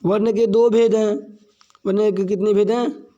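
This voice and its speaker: A man teaching a grammar lesson slowly and deliberately, repeating each point and asking questions that he answers himself. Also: sits high, little pitch movement, dark tone, dull audio. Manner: slow and deliberate, stressing key terms.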